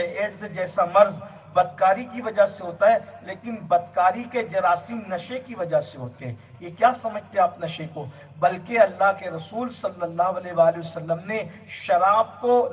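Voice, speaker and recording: The sermon comes from a man whose voice sits fairly high; he leans on long lists, repeated again and again, to make his points. A distant mic leaves him sounding set back, and the recording is dull and lo-fi.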